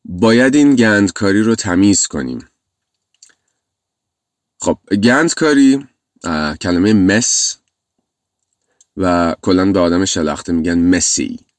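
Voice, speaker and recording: A man, a teacher, explaining in his own language and repeating English phrases slowly and clearly. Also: deep voice, no echo, clean studio sound. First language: Persian.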